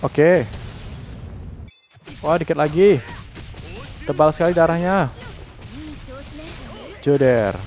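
A man's voice: on the high side, slow pace, long pauses, a little mellow, soft background music. A man giving live commentary while playing a game, reacting with frequent panicked exclamations. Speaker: gameplay commentator. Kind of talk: live let's-play commentary.

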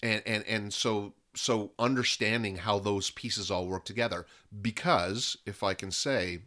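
A man from Canada, a film and content producer talking as a podcast guest in a lively way, often restarting sentences and piling up examples. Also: lowish voice, measured pace. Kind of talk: casual interview talk.

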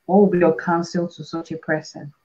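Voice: mid-range voice, little pitch movement, brisk, darkish tone, muffled recording. A conference interviewer asking questions with hesitant fillers.

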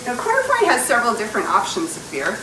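Cooking chili in her home kitchen, a woman in her forties with a New England accent chats and jokes about herself while stirring and pouring for her cooking video. Her slightly high voice swoops wildly in pitch at a quick pace. A distant tripod camera captures roomy audio with heavy background noise and food sizzling in a pan.

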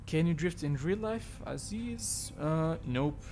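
A young man from Tunisia, not a native English speaker, hosting a sim-racing livestream, reading chat and answering in halting, filler-heavy talk. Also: a little high, animated. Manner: halting, filler-heavy, reads chat aloud and thanks subscribers. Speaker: livestream host. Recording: loud game music behind voice.

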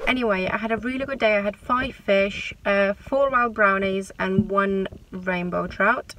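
A woman's voice: medium pitch, measured pace, fairly bright tone, no room sound, far from the mic, low-quality recording. A young woman vlogging in a chatty, upbeat way, filling her talk with "like" and "um". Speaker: fishing vlogger. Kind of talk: casual vlog talk.

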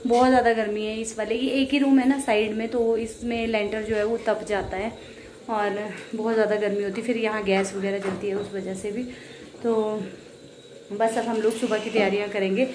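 A woman with a Himachali accent chats through a home vlog in a lively, teasing way, her voice pitched a little high. She records in an echoey family kitchen with faint noise behind her. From Himachal Pradesh. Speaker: vlogger. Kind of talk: casual home vlog chat.

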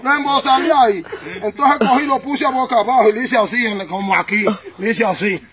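A man with a Dominican accent telling a comic story in a casual, animated way, acting out the scenes. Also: very high voice, brisk, crowd noise. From Dominican Republic. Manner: animated, acts out the scenes he tells.

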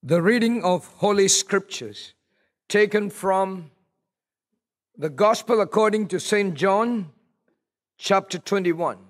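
A man with a high voice reads scripture at a pulpit microphone. Each phrase comes slowly and deliberately, in a reverent tone. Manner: slow, deliberate, reverent reading. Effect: speaking at a pulpit microphone. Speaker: scripture reader. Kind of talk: formal scripture reading.

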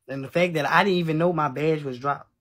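Young man in his 20s, husky tone, slightly high voice, candid live-streamer answering chat on a phone. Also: moderate pace, a bit bright. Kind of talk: casual live-stream talk to viewers. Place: small room indoors. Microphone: phone held at arm's length.

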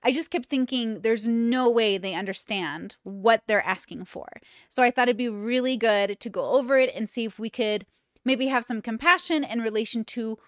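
A woman's voice: fairly high pitch, moderate pace, no echo, studio quality. A woman in her thirties hosting a podcast, reacting candidly and emphatically to clips in casual commentary from a small home room on a desk microphone. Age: 30s. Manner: chatty, candid, emphatic asides. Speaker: podcast host. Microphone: desk mic on boom arm with earbuds.

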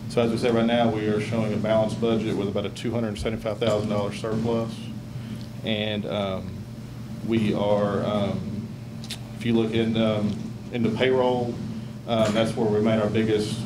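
Finance officer, male, low flat delivery, echoey meeting room with noise behind. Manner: flat, steady, many ums. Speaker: school district finance officer. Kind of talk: budget report at a board meeting. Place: school board meeting room.

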